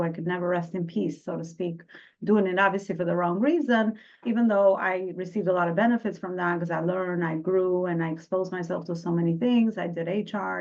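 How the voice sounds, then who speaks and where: A middle-aged woman from Albania, speaking as an interview guest. Her low, gravelly voice moves earnestly through her story, with small restarts along the way. The recording sounds dull and lo-fi. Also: darkish tone. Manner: earnest, slightly halting with restarts. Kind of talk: reflective personal storytelling.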